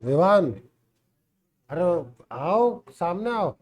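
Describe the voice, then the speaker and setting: Speaking extremely slowly in a high, sing-song, slightly mellow voice, a male math teacher mixes Hindi and English. In a classroom with students also joining online, he teases and coaxes them by name to make sure they follow.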